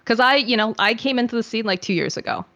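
A woman's voice: on the high side, animated, fast talker, a bit bright, no room sound. A woman speaking candidly in a conversation, with lots of fillers, sometimes quoting her past self.

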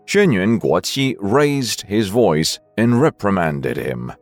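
Male narrator, deep and slow, lively intonation, soft music bed. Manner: slow, expressive reading. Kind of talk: storytelling narration.

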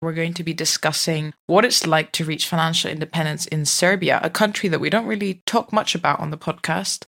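A woman hosts a podcast interview and opens each question with upbeat energy. Her fairly low voice has a gravelly texture. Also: steady tone, a little fast, few pauses, fairly bright tone. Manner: upbeat, asks questions with restarts. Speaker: podcast host.

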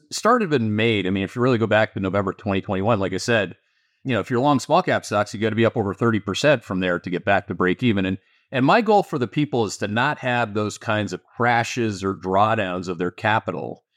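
Man, Canadian accent, low voice, dry recording, animated, sarcastic, interview guest. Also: no room sound. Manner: animated, emphatic, sarcastic asides. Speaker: guest, investment firm founder. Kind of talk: interview answers.

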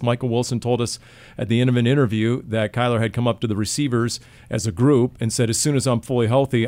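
A man's voice: medium pitch, a little mellow, no echo. Chatty man talking sports. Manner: chatty, rambling with fillers. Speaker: podcast host. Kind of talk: casual sports talk.

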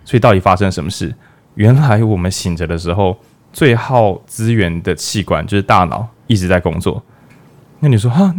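Man hosting a podcast, lowish voice. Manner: playful, with jokes and acted-out asides. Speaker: podcast host. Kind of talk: casual explanatory podcast talk.

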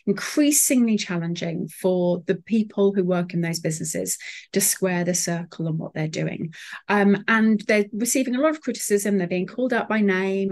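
A woman's voice: medium pitch, a little mellow. Articulate woman interview guest. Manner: articulate, many fillers and restarts. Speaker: sustainability consultant, guest. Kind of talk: interview conversation.

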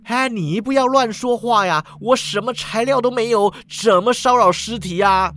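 A man's voice: on the high side, sing-song, measured pace, pushed and bright, exaggerated voice. A man voicing a cheeky old male skeleton necromancer who wheedles and argues, in a storybook reading. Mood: whiny. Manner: wheedling, self-pitying, argumentative.

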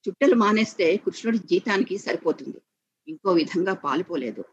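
A man narrating a story slowly and with feeling, in a muffled lo-fi recording. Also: sits high, animated, husky. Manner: slow and measured, with emotional emphasis.

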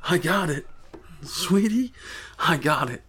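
A man playing a broke farmer husband in an audio story, excitable and rambling, full of grandiose schemes. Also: on the high side, slow pace, slight background noise. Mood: excited, insistent.

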